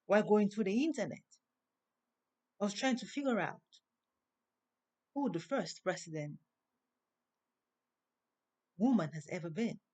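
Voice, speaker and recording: A woman with a non-native English accent delivers an inspirational monologue as host. She speaks slowly and deliberately, like a preacher, and her voice rises on the words she wants to stress. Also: mid-range voice, expressive, a little mellow. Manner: slow, preaching, emphatic rises.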